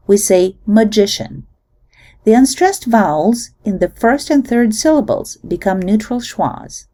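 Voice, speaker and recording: Measured woman lecturing, lively mellow voice. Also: mid-range voice. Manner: measured, explanatory, demonstrates sounds. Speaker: linguistics lecturer. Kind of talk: recorded lecture.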